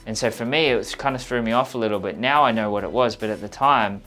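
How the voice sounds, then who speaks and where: A man's voice: on the low side, fast, a bit bright, soft background music. A man giving an instructional, conversational coaching talk, speaking directly and earnestly to the viewer and repeating points for emphasis. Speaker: communication coach presenting a how-to video.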